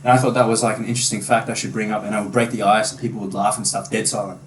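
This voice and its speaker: A man's voice: on the low side, flat delivery, very fast. A young Australian man hosting a casual podcast chat, laid-back, swearing often and using lots of fillers. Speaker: podcast host. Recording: echoey room mic from a distance, faint noise.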